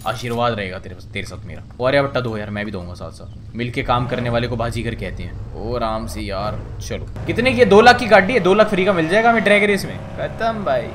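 A man's voice: medium pitch, expressive, fairly quick, hardly any pauses, slight background noise. A young man giving casual gameplay commentary, joking and chattering to himself and the game as he plays. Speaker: gaming channel host.

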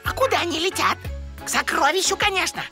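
Casting: tiny gleeful henchman creature, squeaking high, very eager, cartoon, over music. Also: fast. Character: squeaky, overeager echoing animal sidekick. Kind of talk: children's cartoon voice acting. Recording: music under the voice.

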